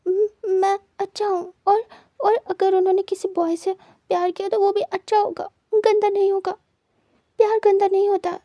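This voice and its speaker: A woman's voice: very high-pitched, little pitch movement, unhurried, pauses often, dark tone, no echo, pitched above the performer's own voice. A woman voicing a tearful, emotional young man who stammers and repeats words while crying. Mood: tearful pleading. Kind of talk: dramatized story reading.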